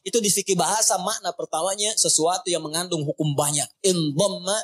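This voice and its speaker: Guy with a high voice teaching arabic grammar, asks the class stuff then answers it himself. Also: a bit bright. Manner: recites Arabic phrases slowly between explanations. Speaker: teacher of Arabic and Quran reading.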